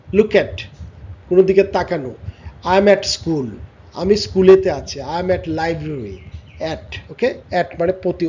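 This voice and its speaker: A man with a Bangladeshi accent teaching English vocabulary to young children, repeating each word and its sounds slowly. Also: high voice, a little mellow. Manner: slow drilled pronunciation, repeating words and sounds. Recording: slightly dull lo-fi audio with faint noise.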